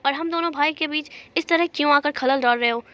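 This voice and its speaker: A hot-headed young mafia brother, put on by a woman reading the story aloud, loud and quick to threaten. He sounds high-pitched for a young man. The recording is dull and lo-fi. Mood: angry threatening.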